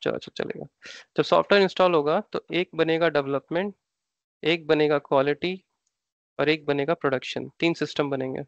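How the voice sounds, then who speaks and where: A man's voice: on the high side, steady tone, moderate pace, smooth, no room sound, dull audio. A man with an Indian accent, an instructor explaining ideas step by step in a live online class, repeating terms and asking rhetorical questions. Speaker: SAP training instructor.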